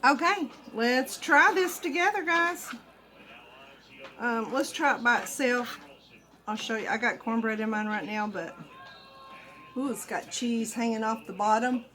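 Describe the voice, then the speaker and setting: A woman's voice: a little high, a little slow, pauses often, pushed and bright. A middle-aged or older woman, chatting casually and folksily to viewers as she demonstrates home cooking. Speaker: home cook vlogger.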